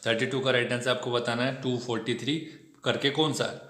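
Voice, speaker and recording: A man teaching an exam-prep lesson in a brisk, chatty way, often checking in with his students. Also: medium pitch, fairly even intonation, fairly bright tone, echoey room. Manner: brisk, chatty explaining with frequent "ठीक है" check-ins. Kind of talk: test discussion lesson.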